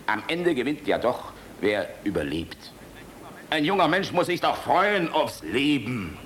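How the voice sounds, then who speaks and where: An older man portrays a blustery, world-weary army general with a fatherly, gruff streak in a German radio play, philosophizing and shifting from barking to tenderness. His mid-range voice moves through big pitch swings at a measured pace, with a slightly bright tone. He comes across as earnest and fatherly.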